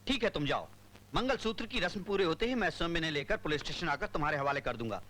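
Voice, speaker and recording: A calm, self-important government minister who speaks with easy authority. His voice has a bright, crisp edge. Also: fairly high pitch, fast, slight background noise. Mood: commanding. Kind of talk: Hindi film dubbing.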